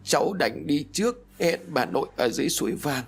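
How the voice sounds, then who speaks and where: Man voicing a desperate young grandson, raised strained voice, husky. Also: animated, a little fast, darkish tone. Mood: pleading. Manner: pleading and defiant, strained higher voice.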